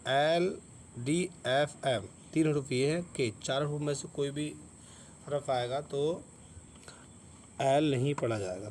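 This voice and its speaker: A man's voice: medium pitch, darkish tone, slight background noise. Patient man teaching spelling rules. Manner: patient, repeats each point, spells letters out. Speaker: English teacher. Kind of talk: explanatory lesson.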